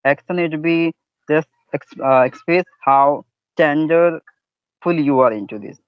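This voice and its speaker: A man, speaking haltingly and searching for words in a casual English practice discussion. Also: a little high, clean tone, no echo. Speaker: English conversation partner. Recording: dull, lo-fi, dry sound.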